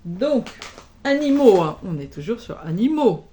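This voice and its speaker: Very animated yet unhurried, a French woman with a medium-pitched, dark-toned voice chats about her embroidery projects in a casual show-and-tell vlog, sprinkling in little interjections.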